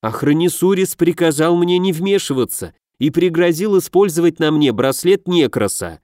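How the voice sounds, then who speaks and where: A man voicing a frightened, scheming dog-headed junior mystic who pleads in a hurried, raised voice. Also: fairly high pitch, animated, darkish tone, no echo, clean studio sound, voice pushed up, natural voice. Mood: pleading.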